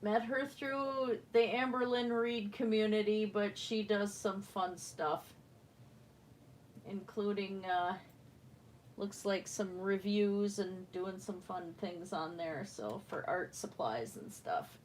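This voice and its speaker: A woman's voice: mid-range voice, slow, a little hiss or hum. A woman with a slightly wheezy breath, chatting casually as she hosts an art livestream. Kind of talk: casual chat while painting.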